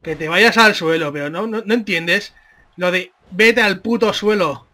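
A man with a Spain Spanish accent doing excitable let's-play commentary, yelling and swearing at the game. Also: sits high, measured pace. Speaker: gamer.

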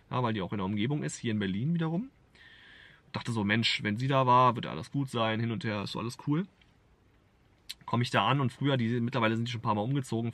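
A man tells a personal story straight to the camera in a loose, rambling way, full of fillers and casual swearing. His pitch sits in an ordinary middle range, and the recording is dry, with no room sound. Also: dry recording. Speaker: vlogger. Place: Berlin.

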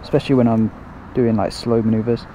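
A fast-talking man with a mid-range, fairly flat voice chats casually to camera as a motorcycle vlogger, explaining things step by step while riding outdoors by the road. Faint road and traffic noise sits in the background.

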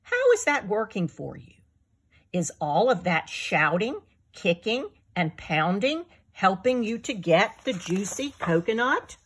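A woman voicing a calm, patient male owl who asks gentle questions in a children's storybook. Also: medium pitch, unhurried, husky, exaggerated voice.

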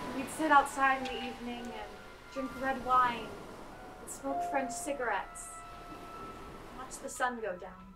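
Young woman as a gentle mother, high voice, distant stage mic, music behind. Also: lightly acted. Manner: coaxing, gentle. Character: warm coaxing young mother, playful and dreamy. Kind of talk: stage play acting.

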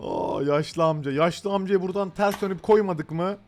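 A young man streaming live gameplay, talking loudly and excitably with crude jokes. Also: high voice, moderate pace, slight background noise. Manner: loud, excitable, crude joking.

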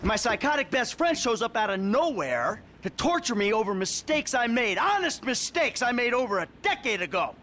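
An actor playing a sarcastic, exasperated middle-aged retired crook who curses a lot, in a video game cutscene. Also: male voice, very high voice, very animated, moderate pace, few pauses, sharp tone, exaggerated voice. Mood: ranting. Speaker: retired criminal character.

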